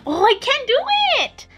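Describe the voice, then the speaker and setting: A woman chatting casually in a vlog, excitable and fretful, gasping as she handles her dolls. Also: high voice. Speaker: doll vlogger.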